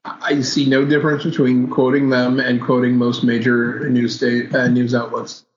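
A man co-hosting a casual hockey podcast, joking in a dry, deadpan way and then laying out his analysis step by step. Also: medium pitch, moderate pace. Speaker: podcast co-host. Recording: dull lo-fi audio with faint hiss.

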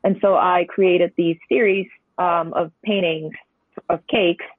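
Slow and slightly rough, with medium pitch and fairly even intonation, this voice comes from a painter interviewed on a conversational podcast. They are in their twenties, from Hong Kong, a native Cantonese speaker, heard over tinny, dry phone audio with no room sound. Their thoughts wander reflectively amid frequent hedges.

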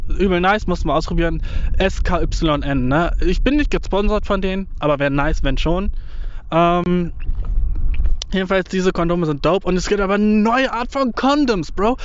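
A young man vlogging casually outdoors in a windy field, rambling in slang with lots of swearing and English words, recorded on a mobile setup. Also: high voice. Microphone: mobile phone setup. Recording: dull, lo-fi phone audio.

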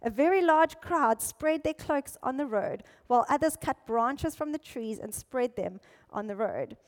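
Woman pastor, high voice, lively conversational sermon, reverberant hall. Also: a little slow. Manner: animated, conversational Bible teaching.

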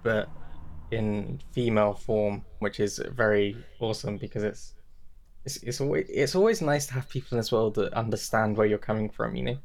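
A man's voice: lowish voice, moderate pace, darkish tone. A young man co-hosting a casual podcast chat, rambling with lots of restarts and fillers. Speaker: podcast co-host.

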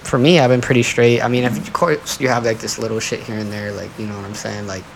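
A man talking in a relaxed, loose way on a podcast, swearing freely and leaning on slang. His voice has a gravelly, fry-heavy edge, and a faint hiss of noise sits behind it. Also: medium pitch, fast talker, rough recording. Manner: profane, laid-back slang, frequent "you know what I'm saying". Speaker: podcast co-host. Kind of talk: casual chat.

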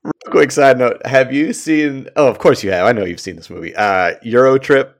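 A man's voice: medium pitch, normal speed. A man in casual sports chat on a podcast, friendly and chatty, laughing often and drifting into side stories. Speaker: podcast co-host.

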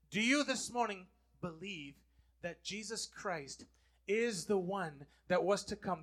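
A pastor preaches a sermon in call-and-response style, asking the congregation to repeat words back to him. His voice sits high with a fairly bright tone.

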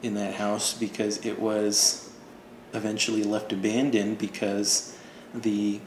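Narrating as game master, this man talks slowly and in a monotone, his voice on the low side. His manner stays casual and jokey, with laughter mixed in. Faint ambient noise hangs in the echoey room.

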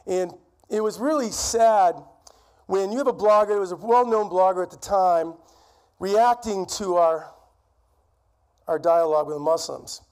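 A man's voice: sits high, a little slow, long pauses, a little mellow, clean tone. A man with a Boston accent giving a sermon as a guest preacher at a church pulpit, in a conversational, self-deprecating way. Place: church sanctuary.

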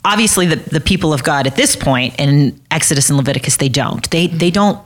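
A woman's voice: sits low, animated, brisk. A woman co-hosting a Bible study podcast, earnest and emphatic in a casual faith discussion, repeating her key phrases.

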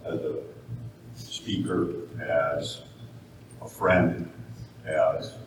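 Real low monotone guy doing an intro at a conference, pauses a lot, echoey hall w noise. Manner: halting, searching for words. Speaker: association officer introducing speaker. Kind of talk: spontaneous introduction speech. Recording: echoey hall, mic far off, noisy.

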